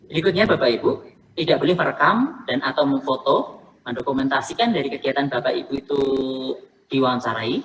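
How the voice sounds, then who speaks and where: A woman with a bass voice and a fairly quick delivery coaches teachers for selection interviews in an online session. She explains things casually and repeats her main points, and the recording is a bit distant from the mic with faint noise.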